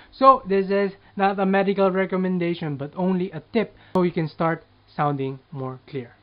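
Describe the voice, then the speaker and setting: A man's voice: on the high side, muffled recording. A man giving casual speaking tips to the camera and demonstrating speech drills aloud. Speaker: speaking coach.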